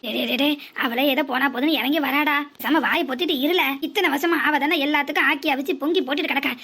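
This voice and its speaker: A woman voicing an exasperated adult son who runs an office in a cartoon comedy, with a southern Tamil Nadu dialect and bossy, quick retorts. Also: high voice, pushed and bright. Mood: scolding.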